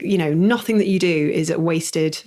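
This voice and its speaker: A woman's voice: sits low, moderate pace, mellow. A woman hosting a podcast interview, affirming and encouraging her guest. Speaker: podcast host.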